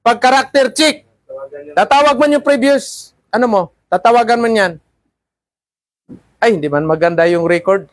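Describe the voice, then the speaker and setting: Guy teaching seaman trainees, highish voice, dry close sound, keeps asking ha? di ba?. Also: moderate pace, long pauses, dry recording. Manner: lecturing, with frequent "ha?" and "di ba?" checks. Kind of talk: classroom talk.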